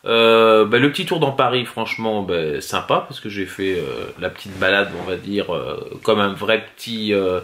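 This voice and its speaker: A man with a slightly low voice talks in an informal, conversational way. He comes across as a father sharing everyday news on a family vlog. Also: moderate pace, hardly any pauses, fairly bright tone, a little hiss or hum. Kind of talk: casual chat.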